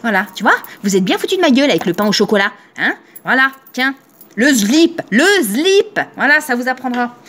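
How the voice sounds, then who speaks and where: A woman's voice: a little high, expressive, quick pace, hardly any pauses, bright, forceful tone. A woman in her thirties, a shop owner, talking casually to camera in a chatty, teasing way and acting out the voices she quotes. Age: 30s.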